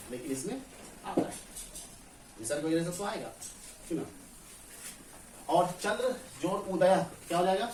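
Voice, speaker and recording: In a classroom lesson, a male teacher from Bihar, India, walks through Hindi grammar step by step, often posing a question and then answering it himself. His voice is high, and the recording has slight background noise, an echoey room, and a distant mic.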